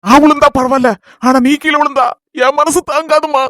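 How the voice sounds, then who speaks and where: A woman's voice: sits high, fairly even intonation, fairly quick, a bit bright. A woman with a Kanyakumari Tamil accent, playing a smitten middle-aged husband who fusses over his young girlfriend in a soothing tone. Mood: doting. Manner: fussing, soothing explanation.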